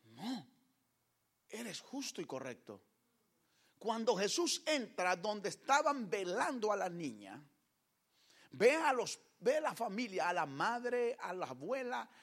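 Brief: male preacher, very high voice, slow deliberate delivery, fervent and emphatic. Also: fairly bright tone. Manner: emphatic, rhetorical questions. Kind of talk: fervent sermon.

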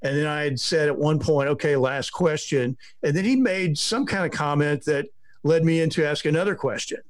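On a laid-back podcast, this middle-aged sports reporter spins meandering anecdotes and performs the quotes himself. He speaks at a normal speed with a fairly high pitch, recorded dry.

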